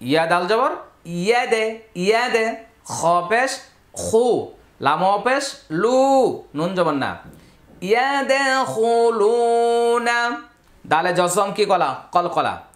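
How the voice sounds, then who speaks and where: Slow, echoey Quran reading teacher. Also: mid-range voice, animated. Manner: slow, patient letter-by-letter drilling, melodic chant on verses. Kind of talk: spelling out letters and chanting Quranic recitation. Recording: echoey room.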